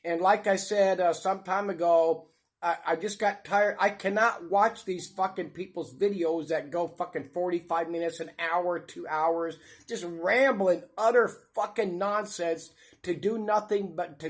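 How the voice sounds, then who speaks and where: A man hosting his own channel, giving blunt, profane, rambling commentary. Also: high voice. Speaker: channel host. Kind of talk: ranting commentary.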